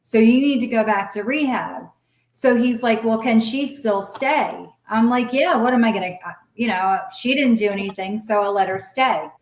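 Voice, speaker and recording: A middle-aged woman, a guest sharing her story, speaks candidly and bluntly, swearing freely and acting out past conversations in quoted voices. Her voice runs on the high side at a moderate pace, and the recording has a roomy echo.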